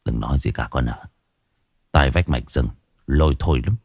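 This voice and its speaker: A man voicing a frightened older father who speaks in a hushed, cautious way. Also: a bass voice, moderate pace, dry recording, studio quality, voice pushed down.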